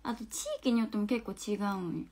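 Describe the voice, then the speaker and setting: A woman in her twenties with a Hakata dialect, chatting casually on a phone livestream as she reads out viewer comments, laughing often and dropping into soft murmurs. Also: medium pitch, steady tone, fairly quick. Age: 20s. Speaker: livestream host.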